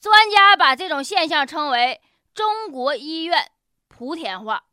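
A woman's voice: high-pitched, animated, unhurried, pushed and bright, dry recording, studio quality. A woman with a Northeastern Chinese accent hosting a comedic news commentary show in a colloquial, joking, exaggerated way. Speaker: radio show host.

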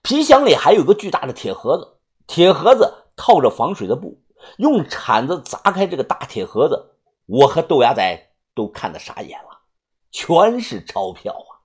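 A woman reading a novel aloud as an audiobook narrator, telling the story in an expressive way. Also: low-pitched, moderate pace, husky.

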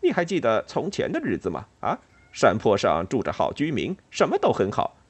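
A man voicing a forgetful old male grey squirrel who rambles quickly and wistfully in a storybook reading. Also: medium pitch, huge pitch swings, breathy edge.

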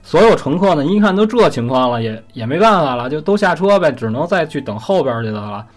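A man's voice: on the high side, very animated, fast talker. A man telling a story in a chatty, conversational way, often asking the listener questions. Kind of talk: casual spoken storytelling.

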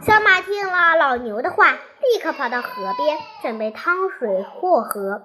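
A young child tells a storybook tale, pausing and restarting as the words come. The voice is high and the pace is slow and careful. It sounds like a children's story reading. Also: expressive, pushed and bright. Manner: slow, halting telling with restarts.

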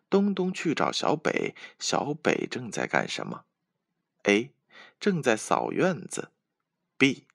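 Slow, sing-song male storyteller. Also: lowish voice, gravelly, no room sound, studio quality. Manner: gentle, slow, sing-song questions to children. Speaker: children's storyteller. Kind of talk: bedtime story reading for children.

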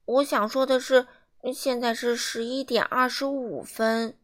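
A woman's voice: fairly high pitch, steady tone, lightly acted. A woman doing a rude rich storybook man. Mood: sheepish. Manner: gruff barks, slow sighs. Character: rude rich man, grumpy turned polite.

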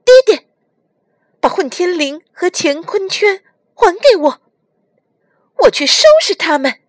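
A woman's voice: expressive, unhurried, no room sound, studio quality. A woman voicing a desperate young boy hero. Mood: pleading. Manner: cries out in a high, strained voice.

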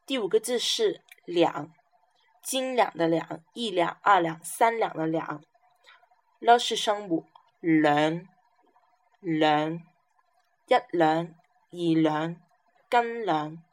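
A woman's voice: lowish voice, slow pace, pauses often. A woman teaching a pronunciation lesson, repeating each syllable and example word several times. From southern China. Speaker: language teacher.

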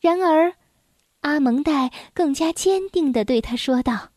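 Brief: woman narrating children's bedtime stories, high and gentle, dry close-mic sound. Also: lively intonation, no echo. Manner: gentle, unhurried storyteller voice. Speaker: children's story reader.

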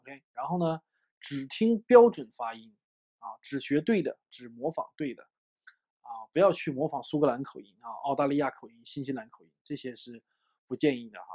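A man from China giving an English lesson, explaining with lots of fillers and lively emphasis. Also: medium pitch, a little fast. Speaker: English teacher. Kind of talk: online lesson.

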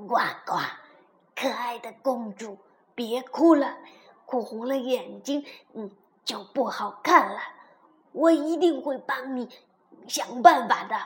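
Woman doing a croaking sly frog. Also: fairly high pitch, slow pace, pitched below the performer's own voice. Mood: coaxing. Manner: croaks between phrases. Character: croaking sly male frog, small and pleading.

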